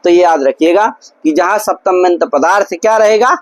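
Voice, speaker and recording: A man's voice: high-pitched, moderate pace, lo-fi sound. A man teaching Sanskrit grammar in a classroom lecture, drilling his students with constant repeated questions. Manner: repetitive, drilling explanations. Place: gurukul classroom.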